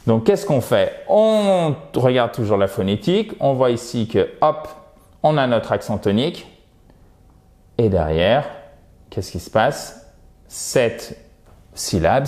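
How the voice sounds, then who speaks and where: A man with a French accent teaching English pronunciation in a casual spoken lesson, lively, exaggerating the sounds and often checking in with his learners. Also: mid-range voice.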